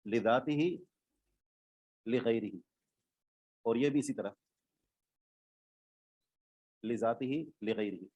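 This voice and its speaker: A man's voice: medium pitch, a little slow, darkish tone, no room sound, dull audio. A male Islamic studies teacher giving an online class lecture, explaining terms step by step, repeating them and checking that students follow.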